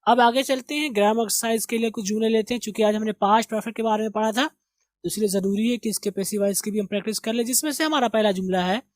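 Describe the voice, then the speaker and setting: A man from India teaching an English lesson. He repeats vocabulary words slowly and corrects pronunciation as he goes. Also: sits high, no echo. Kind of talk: spoken language lesson with vocabulary drills.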